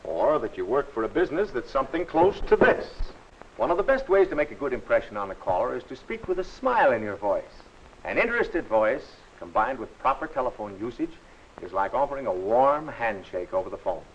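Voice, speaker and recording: A man narrating a 1940s instructional film in a friendly, instructive and measured way. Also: mid-range voice, very animated, a little hiss or hum. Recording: dull old film soundtrack.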